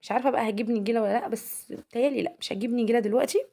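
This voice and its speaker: Her voice sits on the high side, racing along with vocal fry and a warm tone. The young Egyptian-accented homemaker vlogger chats casually in a home vlog, talking straight to viewers as girls and asking their opinion.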